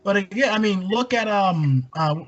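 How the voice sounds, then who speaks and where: A man from Maryland in a casual podcast chat, talking in a rambling, animated way with lots of fillers. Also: high voice, moderate pace, a crowd in the background. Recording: dull lo-fi sound with faint hiss.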